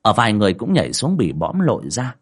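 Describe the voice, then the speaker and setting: A man with a low, husky voice narrating a ghost story. His pitch rises and falls dramatically as he tells it. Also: huge pitch swings, fast.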